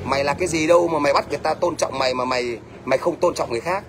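A man's voice: a little high, rapid-fire, faint music behind. A middle-aged man with a Northern Vietnamese accent, ranting at a commenter on a livestream in a blunt, scolding way and often asking "thấy chưa?". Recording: faint background noise.

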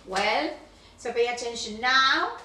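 A woman with an Argentine Spanish accent, an English teacher giving recorded feedback on a class, slowly drilling English words and explaining in quick Spanish. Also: fairly high pitch, sharp tone, a little hiss or hum. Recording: echoey room, voice a bit far from the mic.

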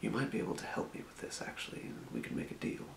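The character is a quietly businesslike, helpful potion shopkeeper from an old-world fantasy realm, voiced by a man for ASMR role play. He murmurs in a slow, breathy whisper, muttering to himself while calmly explaining, from a desk in a small indoor room. Expect a roomy sound with slight hiss or hum and a near-everyday voice.

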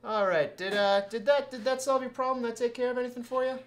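A man's voice: very high-pitched, fairly even intonation, fast talker, a little hiss or hum. A young man playing a plumber in a comedy sketch, talking matter-of-factly on the phone in a small office. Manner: matter-of-fact, with loud shouting outbursts. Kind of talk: deadpan comedy sketch acting.

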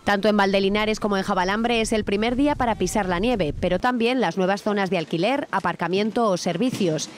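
A woman's voice: mid-range voice, a little fast, hardly any pauses, slight background noise. Woman narrating a news package. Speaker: news reporter. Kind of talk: news voice-over.

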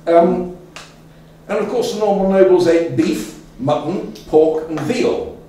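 An older man with a high, mellow voice speaks slowly, giving an informal lecture to a local society in a meeting room with an audience. His delivery is rambling and chatty, full of fillers and restarts. The room is echoey, the mic sits far away, and there is faint room noise.

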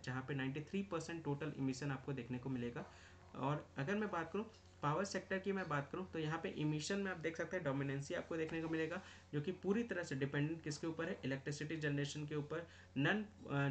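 A man's voice: a little high, slight background noise. A man giving an exam-prep current affairs lecture, explaining news in a mix of Hindi and English terms with many repeated phrases.

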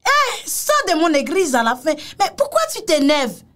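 A woman's voice: high voice, sing-song, moderate pace, a bit bright. A woman giving casual reaction commentary on a video, mocking and exclamatory, repeating phrases.

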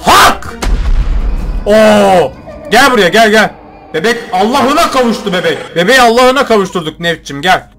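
A young man commentating his own gameplay, joking and shouting at the game characters. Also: sits high, animated, normal speed. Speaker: gaming YouTuber. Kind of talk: let's play commentary.

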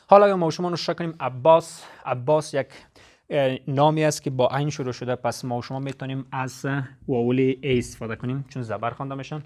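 A man's voice: medium pitch, fairly even intonation, a little mellow. A man teaching a lesson, explaining step by step and repeating each point. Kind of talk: classroom lesson.

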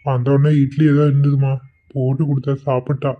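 A performer voicing a gentle, concerned husband in a cartoon. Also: mid-range voice, level tone, fairly quick, narrow, tinny audio, close to an everyday voice. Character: caring worried husband. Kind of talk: Tamil cartoon voice acting.

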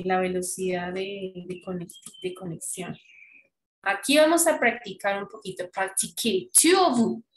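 A woman's voice: mid-range voice, a little hiss or hum. Patient teacher woman, echoey room. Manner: patient, explains slowly, checks understanding often. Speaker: French teacher. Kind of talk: online class teaching. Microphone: computer mic on video call.

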